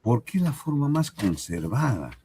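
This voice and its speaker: A man with a Peruvian Spanish accent teaching a recorded language lesson, speaking slowly and deliberately, repeating examples and checking in with "right?". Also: mid-range voice, big pitch swings, warm tone, a little hiss or hum. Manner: slow, deliberate, repeats examples and asks "¿correcto?".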